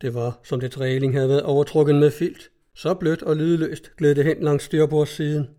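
A man reading a story aloud in a steady, measured narration. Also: a little high. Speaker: audiobook narrator.

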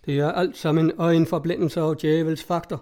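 A man's voice: on the high side, little pitch movement, dark tone, lightly acted. A man voicing a stout, fervent old monk who exclaims his warnings. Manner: zealous, exclaiming.

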